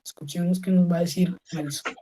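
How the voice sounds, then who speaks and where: Over a video call with faint hiss or hum and poor audio, a woman from Colombia gives an online English lesson in a lowish, dark voice, speaking fast and steadily. Patient in her explanations, she moves between Spanish and English, mixing examples from both and frequently asking "¿sí?" or "¿ok?".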